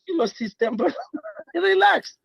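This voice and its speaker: A male caller on a live debate show cuts in with short, dismissive remarks. His voice is fairly high for a man and comes through a dull, muffled phone line. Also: sing-song, a little slow, gravelly, no echo. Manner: brief interjections, dismissive. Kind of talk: call-in debate.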